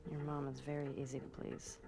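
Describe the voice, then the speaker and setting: A woman playing a gentle, dryly affectionate young parent in a naturalistic video game scene. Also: extremely low pitch, flat delivery, normal speed, gravelly, over music.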